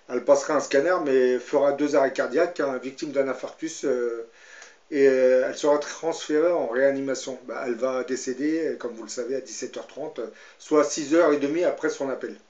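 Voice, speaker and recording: A man speaks in a mid-pitched voice, part commentary and part Bible storytelling. He hesitates often and fills his sentences with fillers and tag questions. The recording is echoey and a bit muffled. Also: darkish tone. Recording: roomy, slightly dull sound.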